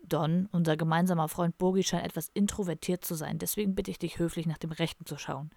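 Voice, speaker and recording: A grumbling, cynical young drinker who mutters his dry, sardonic remarks low and unhurried, as a woman narrator puts him on. The voice has a gravelly edge and sounds close and dry, with no room around it. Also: fairly even intonation, mellow, no echo. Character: cynical hard-drinking young man, misanthropic metalhead.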